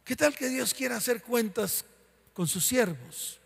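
A man's voice: extremely high pitch, lively intonation, a little slow, gravelly, slightly rough, long reverb tail. A male pastor preaching a sermon, emphatic, repeating key phrases and putting questions to his listeners.

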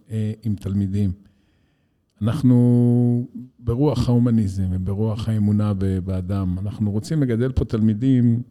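Male host, lowish and very dark voice, thoughtful conversational interviewing with hesitant phrasing. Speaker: interviewer and school educator.

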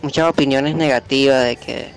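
A man's voice: mid-range voice, steady tone, normal speed, creaky, faint music behind. Young Venezuelan man leaving a voice message. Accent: Venezuelan Spanish. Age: 20s. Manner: earnest, hesitant, with fillers and soft laughs. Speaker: caller. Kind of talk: voice message to a radio show.

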